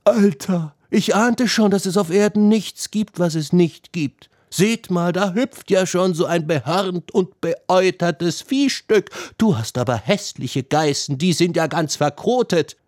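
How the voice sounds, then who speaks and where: A man's voice: high voice, unhurried, hardly any pauses, darkish tone, no room sound, clean studio sound, voice pushed up. A man voicing an insolent young woman who sneers and mocks, in a storybook reading. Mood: sneering. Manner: sneering, mocking.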